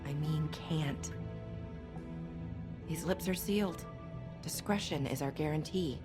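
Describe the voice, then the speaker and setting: A sultry, secretive woman of the night in a video game. Her voice is low for a woman and she takes her time over every word, coy and guarded, with music clearly behind her. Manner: slow, coy, measured.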